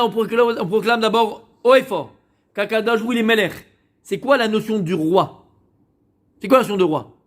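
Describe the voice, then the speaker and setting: Man, high voice, rabbi giving a class, asks questions and answers them himself. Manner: repeats words while searching for them. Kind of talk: Torah lesson to women.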